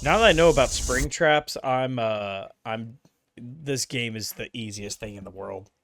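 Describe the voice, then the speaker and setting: A man's voice: medium pitch, a little slow, fairly bright tone, slight background noise. A man hosting a let's play who comments casually, laughs a lot and swears freely. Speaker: gaming channel host. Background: game music.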